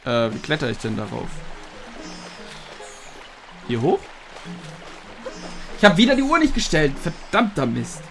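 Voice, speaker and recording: Joking, slangy let's player. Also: male voice, fairly high pitch, wildly swooping pitch, unhurried, pauses often, fairly bright tone. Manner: joking, slangy, swears at the game. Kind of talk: casual gameplay commentary. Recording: game music behind voice.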